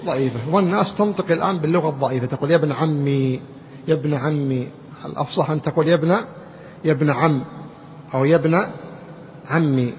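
A man with a somewhat high voice gives a classroom grammar lecture, explaining slowly step by step and quizzing his students with rhetorical questions. The audio is dull and muffled, with a long hall reverb and faint hiss beneath.

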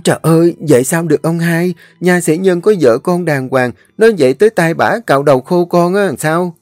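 A man's voice: on the high side, moderate pace, a little mellow, dry recording, soft background music, voice pushed up, close to an everyday voice. A man voicing a young woman who keeps ducks, earnest and pleading. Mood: alarmed. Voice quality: raised, pleading tone. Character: young countrywoman duck-keeper, earnest and pleading.

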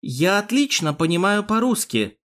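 A man's voice: high-pitched, very animated, voice pushed up. A man voicing a composed woman with a velvety voice who speaks coldly and evenly in an audiobook. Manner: cold, measured.

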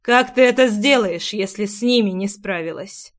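A woman's voice: medium pitch, moderate pace, lightly acted. A woman voicing a cold, arrogant ancient male dragon who speaks with mocking indifference.

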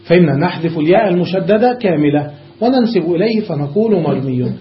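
A man's voice: high voice, animated, fast talker, a little hiss or hum. A man teaching a classroom grammar lesson, explaining step by step and often stopping to check that his students follow. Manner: explains step by step, checks understanding with repeated questions. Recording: dull echoey classroom recording.

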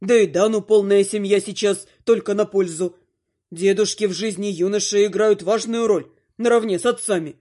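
A woman voicing a calm, doting, oblivious immortal elf husband in an audiobook, speaking slowly and soothingly in a lowered voice. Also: natural voice. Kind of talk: audiobook character voice.

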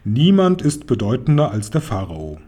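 A man's voice: medium pitch, sing-song, moderate pace, mellow, slightly rough. A man voicing a pompous, grumpy pharaoh ruler in a children's audiobook, haughty and commanding.

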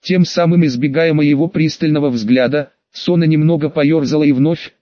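A man's voice: fairly high pitch, moderate pace, mellow, no echo. Man with a dull, lo-fi narration. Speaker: audiobook narrator. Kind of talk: first-person audiobook narration. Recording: dull, lo-fi and dry.

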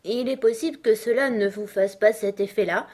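Woman reading as a young girl, timid, polite, hesitant, high-pitched, storybook. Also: normal speed, darkish tone, lightly acted. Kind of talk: audiobook character reading.

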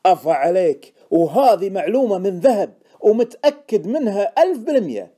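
Man voicing a shrill pushy stock tipster. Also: expressive, normal speed. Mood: insistent. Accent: Gulf Arabic. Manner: insistent, indignant, loud. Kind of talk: audiobook character voice.

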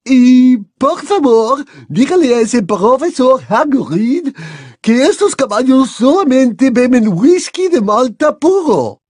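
A man reading aloud voices an imperious, languid giant French headmistress, speaking slowly and haughtily with small hesitations. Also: very high-pitched, very animated, darkish tone, husky, dry recording, clean studio sound, pitched above the performer's own voice, full character voice. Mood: haughty.

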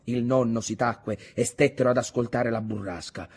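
A man reading a classic novel aloud as an audiobook, in a dramatic, measured way. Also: mid-range voice, fairly even intonation, husky. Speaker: audiobook reader. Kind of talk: scripted narration of a classic novel.

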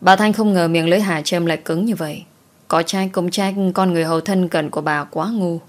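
A woman narrating a scripted story in a steady, expressive way. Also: lowish voice, fairly quick.

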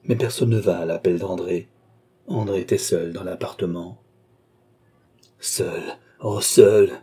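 A man narrating a classic novel as an audiobook in a measured, dramatic way. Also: deep voice, mellow, husky. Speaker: audiobook reader.

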